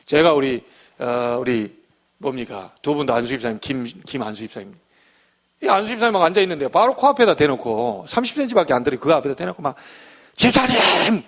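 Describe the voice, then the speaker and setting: A man preaching a midweek church sermon, talking in a lively, conversational way and acting out little everyday scenes. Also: on the high side, quick pace, creaky. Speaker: pastor.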